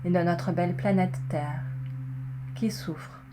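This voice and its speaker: A yoga nidra guide leads a relaxation session in a lowish voice, narrating a script in soothing, measured short phrases with pauses between them. Meditation music and singing bowl tones sit behind her. The recording is clearly noisy.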